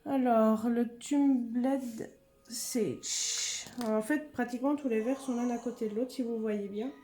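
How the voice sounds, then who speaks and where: A woman's voice: a little high, steady tone, a little slow, dark tone. A woman casually talking through a craft demonstration, muttering to herself as she searches for items. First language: French. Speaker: craft video host.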